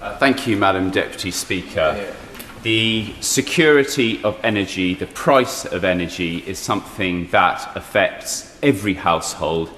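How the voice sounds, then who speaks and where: A man giving a measured, pointedly critical parliament speech as an opposition member. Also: low voice, a bit bright. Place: large indoor parliamentary chamber. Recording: echoey chamber with clear background noise.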